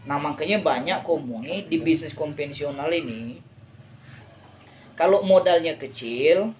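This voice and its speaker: Guy doing a pushy business pitch on a live stream, keeps going "right?", a bit muffled with faint hiss. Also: a little slow. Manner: persuasive, keeps asking for agreement; repetitive, emphatic phrasing. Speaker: business motivational speaker.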